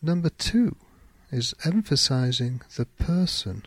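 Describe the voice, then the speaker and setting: A man hosting a podcast, teaching English pronunciation in a slow, careful teaching monologue with clearly spaced example sentences. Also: mid-range voice, expressive, no room sound.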